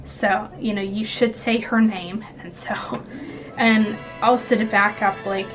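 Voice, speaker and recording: The recording is low quality, with music behind her, as a woman in her 20s shares interview tips on her vlog. Filmed in a small indoor room at home, she chats casually and giggles through rambling advice to the camera, her mid-range voice steady and unhurried.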